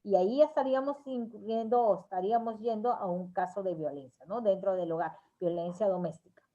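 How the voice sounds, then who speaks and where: A woman's voice: medium pitch, fairly quick, dark tone. A woman leading a parenting workshop, lecturing in a conversational way and acting out examples in quoted voices. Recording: dull lo-fi recording.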